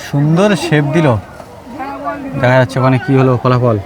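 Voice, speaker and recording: A man's voice: medium pitch, normal speed. A man giving live running commentary on a local football match outdoors, in short play-by-play phrases with stock praise. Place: outdoors at a school playing field during a match. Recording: noisy outdoor ground, crowd and vehicle sounds. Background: spectators, loud outdoor ambience.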